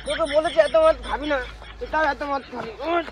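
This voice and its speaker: A man's voice: extremely high pitch, a little fast, very noisy. A man acting as an exasperated, scolding picnic drinking buddy in a comedy sketch, talking in coarse slang.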